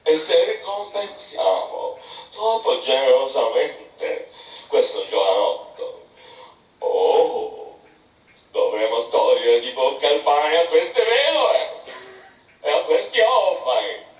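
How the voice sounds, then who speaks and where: A man voicing a gloomy, pious old ship-owning captain who mutters slowly and solemnly. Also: on the high side, sing-song. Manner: slow sepulchral muttering. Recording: echoey room, mic far off.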